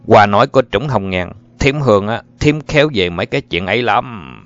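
A man's voice: lowish voice, animated, normal speed, a bit bright. A man voicing a boastful, swaggering grown man in an audiobook, talking in a jovial Southern Vietnamese accent. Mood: bossy. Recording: muffled with faint music.

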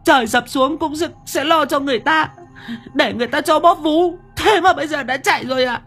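A man's voice: very high voice, fairly quick, sharp tone, faint music behind, pitched above the performer's own voice, exaggerated voice. A man voicing a whiny young village woman, wailing shrilly with a sobbing catch. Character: whiny young village woman, left behind by her sweetheart.

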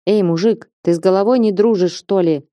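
Дерзкий молодой парень, которого читает женщина в аудиокниге, огрызается с вызовом. Голос мягкий и тёплый, запись сухая и близкая. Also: female voice, mid-range voice, fairly quick, warm tone, dry recording, clean studio sound, lightly acted. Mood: defiant. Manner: defiant, tense. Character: brash young man ready to fight.

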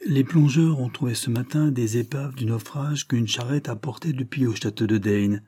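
Man voicing a shrewd gentleman adventurer. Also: medium pitch, a little hiss or hum, lightly acted. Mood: probing. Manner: measured, questioning, firm.

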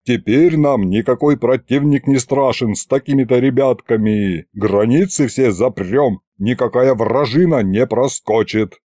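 A man's voice: mid-range voice, unhurried, few pauses, warm tone, no room sound, clean studio sound, natural voice. A man voicing an eager, boastful soldier who hastily reassures. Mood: reassuring. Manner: hasty reassuring.

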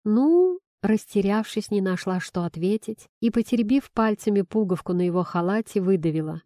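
A woman narrating a first-person romance audiobook in a calm, even storytelling voice. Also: mid-range voice, brisk, no echo, clean studio sound.

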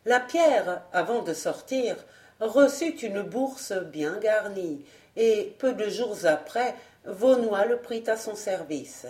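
Slow, measured woman reading a novel. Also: mid-range voice, echoey room. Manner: measured, even storytelling. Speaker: audiobook reader. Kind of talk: literary audiobook narration.

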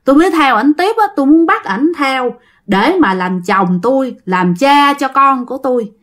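A woman's voice: animated, moderate pace, a bit bright. A woman voicing a pleading female ghost who has possessed a man and begs in a whiny voice. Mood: stubborn. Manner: whiny begging, rising to high pleas.

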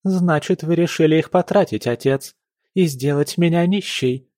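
A man voicing a spoiled, haughty young noble daughter who speaks in a shrill, indignant, sharp-tongued way. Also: normal speed, no echo, studio quality, lightly acted.

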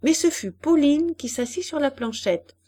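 Female audiobook reader, expressive, acts out characters, lively delivery. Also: sits high, normal speed. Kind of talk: audiobook narration.

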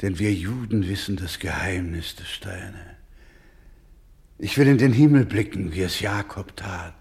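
Playing an anguished and devout doctor who tends orphans in a German radio drama, this male actor uses a low, darkish voice. His delivery is unhurried, grave, solemn and pleading, steeped in hushed grief.

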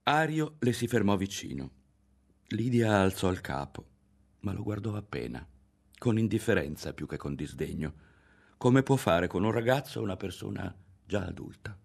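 A man reading a literary novel aloud in a measured, expressive narration. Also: on the low side, vocal fry, breathy edge. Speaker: audiobook reader.

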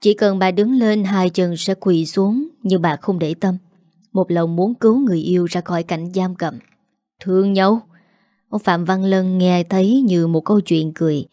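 A woman narrates a story in a calm, steady manner. Her voice is warm and mellow, recorded dry and close with no room sound. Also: lowish voice, moderate pace, no echo.

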